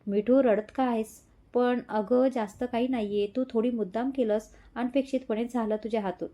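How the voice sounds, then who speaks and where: A woman's voice: fairly high pitch, fairly even intonation, moderate pace, dark tone, lightly acted. A woman voicing a caring, soothing young friend. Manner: soothing, a little scolding.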